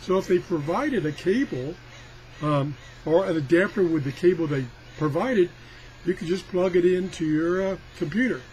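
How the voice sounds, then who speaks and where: Through a low-quality recording with slight background noise comes a man whose voice sits high and has a darkish tone, talking at normal speed. He's a product tester for a radio review, casually rambling through a hands-on test in a folksy, self-deprecating way.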